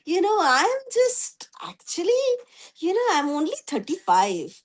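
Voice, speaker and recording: Coy elderly lady, slow and boastful, high voice; a woman acts it out. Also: huge pitch swings, heavily acted. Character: elderly woman coyly claiming to be young.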